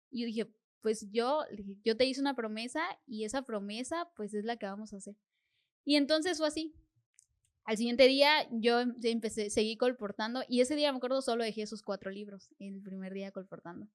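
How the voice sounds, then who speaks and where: A woman's voice: fairly high pitch, a little fast. A young adult woman, a podcast guest, tells a personal faith testimony in an earnest way and acts out her prayers as dialogue.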